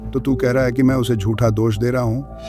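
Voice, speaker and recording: A man's voice: mid-range voice, steady tone, a little fast, natural voice. An actor dubbing a frail, complaining old grandfather who whines, stammers and pities himself. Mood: scolding. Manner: whiny and self-pitying, stammers. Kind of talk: Hindi drama dubbing. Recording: dialogue over music.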